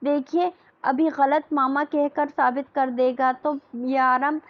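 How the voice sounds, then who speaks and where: An affectionate young wife and mother who scolds and coaxes her husband, as a woman reader voices her. Her voice is high, with a dull, lo-fi recording. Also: level tone, no room sound. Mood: scolding. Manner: scolding, coaxing.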